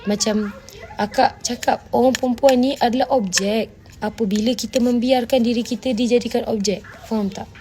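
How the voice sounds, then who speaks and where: A woman's voice: on the high side, fairly even intonation, moderate pace, warm tone, slight background noise. A woman with a Malaysian Malay accent hosts a casual livestream, answering viewer comments bluntly and mixing Malay with English while she scolds her audience. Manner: blunt and scolding, often asks "faham tak?".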